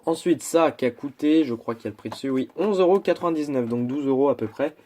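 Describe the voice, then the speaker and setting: A man talks his way through an unboxing in a relaxed, rambling way. He keeps stopping, restarting and adding little asides. His voice has a soft, mellow tone. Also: medium pitch, quick pace, a little hiss or hum. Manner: chatty, hesitant, full of restarts and asides. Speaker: YouTuber. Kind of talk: casual unboxing chat.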